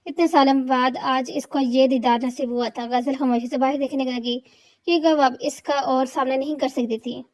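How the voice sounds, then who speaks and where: A woman reading a romantic novel aloud in a steady storytelling voice, voicing every character herself. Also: sits high. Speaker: novel reader.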